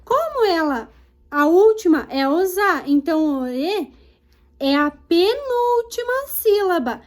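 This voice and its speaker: This is a Brazilian woman teaching young children in a recorded lesson, her voice sitting very high. She talks unhurriedly and leans on each example word, stretching it out syllable by syllable. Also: sing-song. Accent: Brazilian Portuguese. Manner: slow, drawn-out words spelled out syllable by syllable for children.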